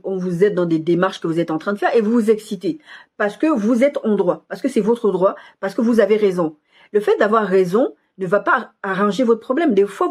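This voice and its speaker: Soft-spoken, husky woman preaching. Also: mid-range voice. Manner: soft-spoken, storytelling with quoted dialogue. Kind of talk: testimony sermon.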